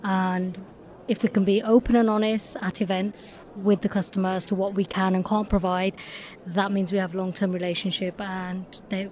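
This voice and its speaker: A woman's voice: medium pitch, flat delivery, moderate pace, a little mellow. A woman giving a conversational interview answer as an exhibitor at an event. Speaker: event exhibitor, sales and marketing director. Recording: live at busy event, faint noise. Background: venue ambience.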